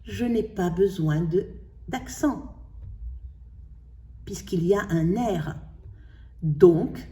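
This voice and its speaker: A woman teaching a spelling lesson, slowly sounding out syllables and letters for her pupils. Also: on the low side, dark tone, distant mic. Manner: slow, carefully sounding out syllables.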